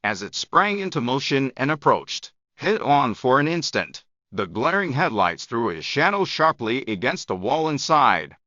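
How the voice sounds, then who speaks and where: Male storybook narrator, bright and crisp-edged, lively intonation, phrase-by-phrase delivery, dry but slightly dull recording. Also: mid-range voice, dry recording. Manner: measured phrase-by-phrase delivery with long gaps. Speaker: narrator of English shadowing practice. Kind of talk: scripted audiobook narration.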